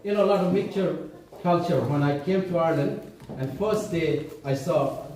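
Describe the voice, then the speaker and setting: A middle-aged man from Bangladesh giving a halting speech full of fillers and restarts, as a councillor at an event. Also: a little high, a little mellow. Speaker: city councillor. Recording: echoey hall, voice from far off.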